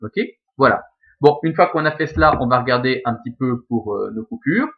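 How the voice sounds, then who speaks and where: A male Latin teacher talks through verse scansion in a recorded lesson. His voice sits at an average pitch and he keeps checking that his class follows. The sound is dull and lo-fi. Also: a little fast. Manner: explanatory, checks understanding with frequent "ok?" and "d'accord?".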